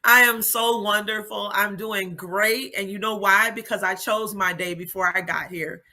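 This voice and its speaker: Woman guest on a business show, super bright voice, polished speaker vibe. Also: mid-range voice, steady tone, moderate pace. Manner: upbeat, polished, speaker-like phrasing. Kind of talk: interview answers.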